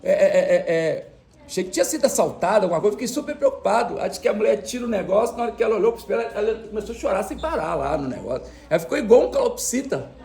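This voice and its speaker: A male pastor preaches to his church in a loose, joking way and teases people in the pews. His voice sits high and swings up and down a lot. A gravelly rasp runs through it. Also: big pitch swings, very fast, warm tone. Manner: joking, chatty, teasing the congregation. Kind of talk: sermon. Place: church service.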